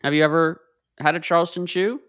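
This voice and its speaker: A man's voice: a little high, steady tone, fairly quick, fairly bright tone. A man bantering playfully and teasing as a podcast co-host. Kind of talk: casual chat.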